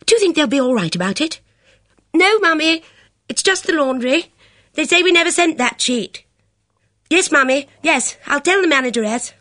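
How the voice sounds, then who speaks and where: Woman reader doing a jittery young girl, pitched way up and loud, close dry sound. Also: animated, moderate pace, no echo. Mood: worried, then pretending. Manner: breathless, high and agitated. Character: anxious excitable young woman on the phone. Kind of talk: audiobook character reading.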